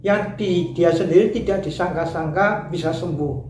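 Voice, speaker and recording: A man's voice: a little high, moderate pace, background noise. A man telling his personal faith testimony in an earnest, repetitive way. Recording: roomy echo.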